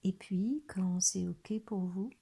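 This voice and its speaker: Guiding listeners through a body scan meditation, this woman speaks in a mid-range voice that is soft, breathy and close to a whisper. Her tone soothes gently, with long pauses between phrases.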